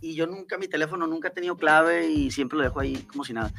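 A Mexican man with a bright, somewhat high voice rattles off crude, slangy stories in casual chat. Soft music plays underneath. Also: quick pace, vocal fry. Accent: Mexican Spanish. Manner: slangy, profane, animated storytelling. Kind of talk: casual chat, telling anecdotes.

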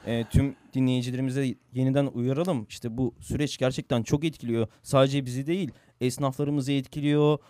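A man's voice: medium pitch, steady tone, normal speed, few pauses, dark tone, no echo, studio quality. A young man hosting a radio show in casual chat, earnest and agreeable, repeating his points. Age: young adult. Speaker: radio host.

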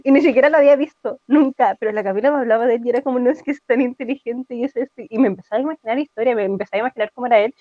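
A woman's voice: a little high, no room sound, muffled recording. A young woman with a Chilean accent chatting casually as a podcast co-host, telling stories animatedly and acting out her own quotes. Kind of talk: casual chat.

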